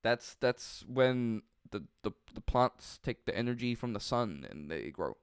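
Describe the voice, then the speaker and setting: Young guy rambling and laughing at himself on a podcast, smooth clear voice, dry sound. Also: mid-range voice, animated, measured pace, no echo. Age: young adult. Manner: rambling, self-mocking, laughs often. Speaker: podcast co-host. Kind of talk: casual chat.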